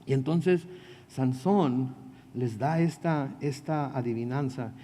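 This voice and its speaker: A man's voice: mid-range voice, slow pace, warm tone. A male pastor giving a midweek Bible study, talking conversationally, putting questions to his listeners and adding joking asides. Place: church meeting room. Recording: long reverb of a hall.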